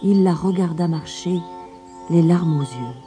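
A woman narrating a children's storybook in an expressive way, with music playing behind. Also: on the low side, unhurried. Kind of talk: storybook reading.

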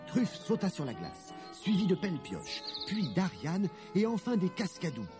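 A man narrating a children's storybook with an expressive, animated reading. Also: high-pitched, normal speed. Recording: background music.

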